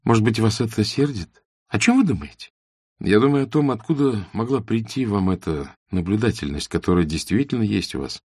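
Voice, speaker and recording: Guy doing a curious young fella, earnest, low husky voice, dry sound. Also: animated, a little fast, darkish tone, dry recording. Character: young man, friendly, inquisitive, a bit vain. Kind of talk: audiobook character reading.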